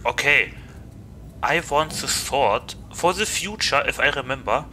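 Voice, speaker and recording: A man's voice: mid-range voice, lively intonation, unhurried, pushed and bright, a little hiss or hum. A man with a German accent streaming a game, chatting playfully and getting flustered easily. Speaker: VTuber streamer. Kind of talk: casual gaming stream chat.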